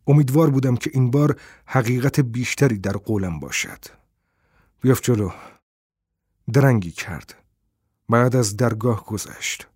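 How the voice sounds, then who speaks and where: Guy reading a detective novel, steady and even, dark husky tone, dry studio sound. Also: mid-range voice, dry recording. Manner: steady first-person storytelling. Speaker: audiobook narrator. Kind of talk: scripted narration of a detective novel.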